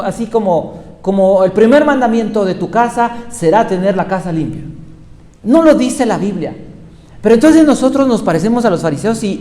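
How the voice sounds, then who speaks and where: A man's voice: high voice, a little mellow. A male pastor giving a sermon, retelling Bible stories and putting questions to his listeners. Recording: echoey hall with faint noise.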